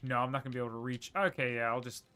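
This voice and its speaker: A man streaming a video game, rambling and thinking aloud with quick laughs as he plays. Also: mid-range voice, steady tone, bright, forceful tone, soft background music. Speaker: gaming streamer. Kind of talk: casual gameplay commentary.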